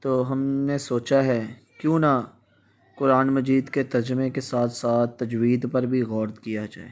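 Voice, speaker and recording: A man from Pakistan teaching Quran recitation, explaining slowly and contrasting how words are pronounced. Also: mid-range voice, flat delivery, darkish tone. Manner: slow, explanatory, contrasts word pronunciations. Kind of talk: Urdu tajweed lesson.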